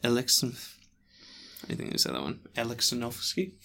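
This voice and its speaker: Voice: medium pitch, animated, moderate pace, pushed and bright. A podcast co-host chatting casually, laughing and stumbling over words playfully.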